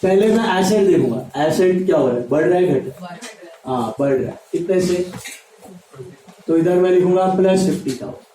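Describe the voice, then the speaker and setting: A man's voice: high-pitched, expressive, moderate pace, dark tone, a little hiss or hum. A man teaching accounting to a class, mixing Hindi and English and constantly asking students to confirm they follow. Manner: repetitive questioning of students, checks understanding. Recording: echoey room, voice far from mic.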